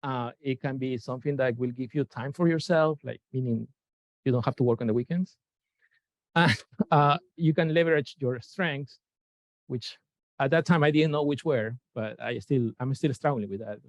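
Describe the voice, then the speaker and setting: Delivering a casual science lecture, this man, a chemist at NASA from Peru, hesitates often, using fillers and correcting himself. His voice is mid-range at a moderate pace, and the room-mic recording shared via Zoom is dull and dry with no echo.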